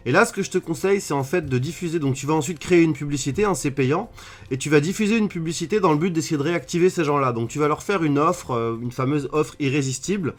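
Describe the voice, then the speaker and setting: A man's voice: on the high side, quick pace. Casual French man explaining on webcam. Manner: casual, many fillers, addresses viewer as tu. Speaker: online marketing trainer. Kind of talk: screen-share tutorial. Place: at his desk indoors. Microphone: computer webcam mic.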